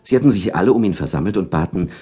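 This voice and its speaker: Man reading a kids story, kinda husky voice, really lively up and down. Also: deep voice, rapid-fire, faint music behind. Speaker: audiobook narrator.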